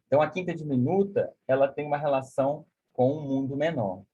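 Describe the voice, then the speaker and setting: A man's voice: mid-range voice, brisk, warm tone, husky, dull audio. A man giving a live online music lesson, explaining concepts with many "né?" and singing solfège syllables. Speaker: music teacher. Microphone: video call.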